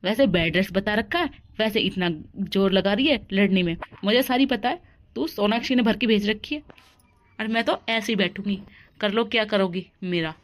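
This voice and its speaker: A woman's voice: medium pitch, moderate pace, voice pushed down, close to an everyday voice. A woman voicing a bossy, stubborn older mother-in-law in a cartoon family drama, scolding and defiant.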